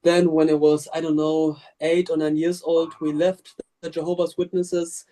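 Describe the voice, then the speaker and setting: A man's voice: fairly high pitch, flat delivery, moderate pace, mellow. A man in a casual spiritual discussion on a podcast, talking candidly and laughing often as he tells stories. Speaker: podcast participant.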